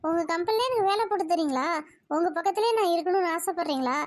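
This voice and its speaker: A woman's voice: very high voice, lively intonation, quick pace, no room sound, clean studio sound. A woman voicing a coy lovesick young girl. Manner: coy, whiny. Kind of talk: cartoon voice acting.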